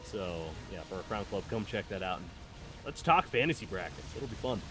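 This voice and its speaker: A man hosting live esports commentary, excitable and laughing often, sometimes bursting into shouts, with the hiccups. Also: on the low side, brisk, soft background music. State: has the hiccups. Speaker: esports caster.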